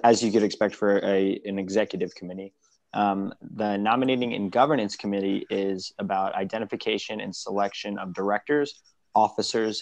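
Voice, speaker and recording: A man's voice: lowish voice, creaky, a little mellow, no room sound. A man presenting committee details in an online members' meeting, talking casually with restarts and fillers. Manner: halting, with many restarts and fillers.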